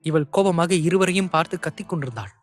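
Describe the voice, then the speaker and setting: A man narrating an audio novel in a steady, measured storytelling manner. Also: fairly high pitch, no echo.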